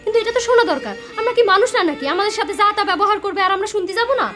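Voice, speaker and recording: A young actress playing a daughter briskly consoling her mother. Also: extremely high pitch, expressive, over music.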